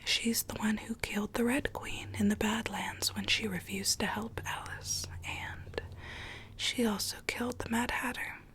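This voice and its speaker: A woman's voice: fairly high pitch, steady tone, unhurried, low-quality recording. Whispering sweet rogue storybook Alice played by a woman. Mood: confiding, earnest. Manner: soft, coaxing, theatrical storytelling. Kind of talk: whispered ASMR roleplay.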